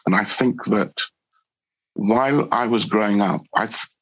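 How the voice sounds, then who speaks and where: A reflective man with a Geordie accent, speaking a little low and with a gravelly edge. He talks slowly and thoughtfully in an interview, circling back and repeating words while his husky voice looks for the right phrase. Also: muffled recording. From born in Trinidad, grew up in Newcastle. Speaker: interview guest, actor.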